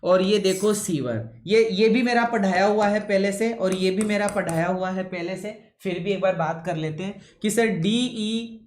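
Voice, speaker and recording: A man teaching English vocabulary in a classroom lecture, pausing often to ask his students whether they have understood, and deliberately slowing his usually fast speech. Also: sits high. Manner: keeps checking with students, calls them son. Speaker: English teacher for exam coaching. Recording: echoey room.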